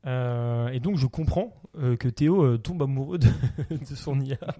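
Podcast co-host, male, mellow dark tone, eager but halting delivery, recommends films. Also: mid-range voice. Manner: enthusiastic, hesitant with many fillers, laughs often. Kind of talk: casual film chat.

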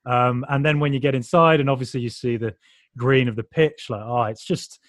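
A podcast host asks relaxed, chatty questions in a casual interview. His medium-pitched voice runs a little fast, and the studio-quality recording has no room sound.

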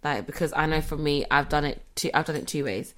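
A woman's voice: deep voice, fairly quick, a bit bright. A woman hosting a casual podcast chat in a candid, conversational way, often circling with "like". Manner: candid, conversational, hesitant phrasing with many likes. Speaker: podcast host.

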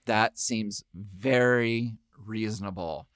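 Low-voiced man hosting a movie podcast. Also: slow, slight background noise. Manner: earnest, enthusiastic. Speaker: podcast host. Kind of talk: interview chat and scripted outro. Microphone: remote call recording.

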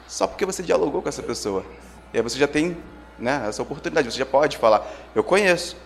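A man's voice: mid-range voice, lively intonation, fast talker, vocal fry, long reverb tail, slight background noise. A male preacher, giving a conversational sermon that builds to emphatic bursts. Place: church.

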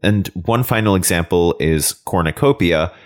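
Male co-host, very low voice, steady and informative delivery. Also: normal speed. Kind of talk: reading examples for the audience.

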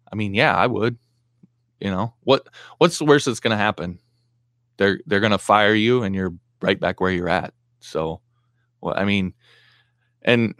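A man with a low, deep voice hosts a casual live stream Q&A, reading out viewer comments and answering them in a blunt, practical way. He talks loosely, with plenty of fillers and false starts. The sound is close and dry, with no room around it. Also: fairly bright tone, no echo. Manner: reads viewer comments aloud and answers plainly, frequent fillers and restarts.

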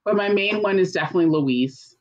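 Animated American podcast co-host, lo-fi. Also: medium pitch, brisk. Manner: animated, gossipy, breaks into laughter. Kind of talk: casual chat.

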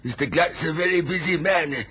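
A man's voice: on the high side, normal speed, bright, forceful tone, slight background noise. An actor playing a bullying older male union doorman with a Cockney accent in a vintage radio drama. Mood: sneering. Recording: dull lo-fi old radio recording.

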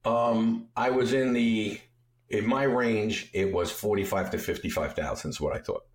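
A man's voice: lowish voice, moderate pace, roomy sound. A man talking as a guest on a podcast, plainspoken and easygoing, who laughs easily. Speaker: guest real estate investor. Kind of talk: casual interview chat.

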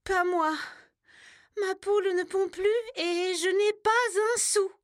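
A woman voicing a poor, plaintive little old grandmother in a children's storybook reading, with a high, thin, quavering voice. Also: steady tone, slow, no echo, clean studio sound. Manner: plaintive, sighing.

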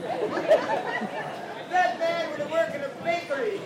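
Male actor as teasing renaissance fair challenger, olde speech, high projected delivery, echoey and noisy crowd recording. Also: huge pitch swings, exaggerated voice. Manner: teasing, declamatory, drawn-out punchlines. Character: taunting, pun-loving renaissance fair challenger. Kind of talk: mock-archaic renaissance fair speech, projected stage show.

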